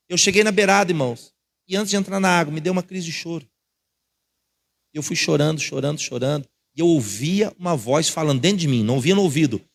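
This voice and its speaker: A man with a Brazilian Portuguese accent, a pastor preaching a conversational sermon in a church, telling personal stories to the congregation. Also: fairly high pitch. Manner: conversational preaching with anecdotes, addresses congregation as irmãos.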